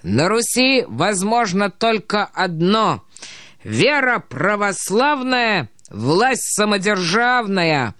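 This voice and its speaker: A woman reads as a drunk young officer, loud and emphatic, his words slurring as he boasts. The storybook reading is dry and close. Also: mid-range voice, expressive, measured pace, no echo. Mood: drunken boasting.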